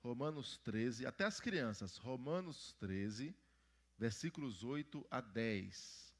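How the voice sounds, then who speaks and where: A man's voice: mid-range voice, expressive, slow pace. A man, the pastor, teaching a Bible lesson in church and putting questions to the children. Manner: asks the children questions and prompts answers. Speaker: pastor teaching Sunday school.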